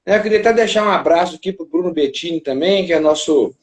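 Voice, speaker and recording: A man's voice: a little high, quick pace, roomy sound. A man hosting a live interview, courteous and effusive, thanking his guest. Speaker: interview host.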